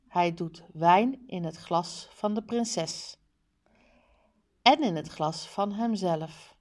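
A woman reading a simple storybook aloud and practising single words one by one, in a deliberate way. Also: lowish voice. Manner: very slow, deliberate, word by word. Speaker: reader. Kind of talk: slow reading aloud with word drills.

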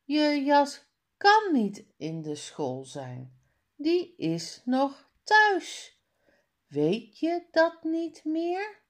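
A woman's voice: high-pitched, huge pitch swings, very slow, voice pushed up, exaggerated voice. A woman reading aloud, voicing a young girl who scolds her little brother in a matter-of-fact way. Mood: bossy. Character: bossy young girl, the boy's older sister.

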